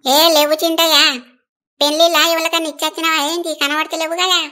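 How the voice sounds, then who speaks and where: A woman's voice: extremely high pitch, little pitch movement, fairly quick, bright, forceful tone. A woman playing a teasing village grandmother with a Telangana Telugu accent. She coaxes and teases her grandson. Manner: teasing, coaxing.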